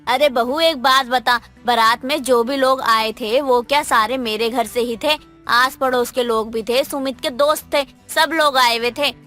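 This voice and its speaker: An impatient, sharp-tongued mother-in-law nags and scolds, voiced by a woman. The voice is high-pitched, over faint background music in this animated tale. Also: measured pace. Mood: scolding. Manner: scolding, nagging. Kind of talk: animated moral story dialogue.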